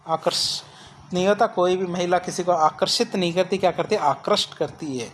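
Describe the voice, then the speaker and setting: A woman's voice: on the low side, normal speed, slight background noise. A woman teaching an exam-prep Hindi spelling lesson, asking questions and answering them herself over and over. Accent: Rajasthani. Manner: repetitive question-and-answer drilling.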